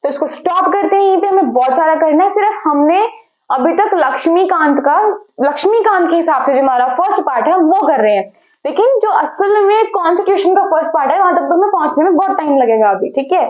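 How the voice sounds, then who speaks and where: A young woman teaching in a chatty way, asking questions and answering them herself, and slowing down to read English phrases. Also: very high voice, animated. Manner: chatty, asks and answers her own questions. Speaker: exam-prep teacher. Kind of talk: casual Hindi-English lecture. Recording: echoey room, slightly dull sound.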